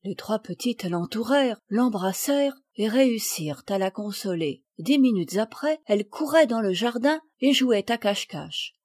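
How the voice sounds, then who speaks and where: A woman narrating a children's story in a clear, measured reading. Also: medium pitch, lively intonation, a little mellow, no echo, studio quality. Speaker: audiobook reader.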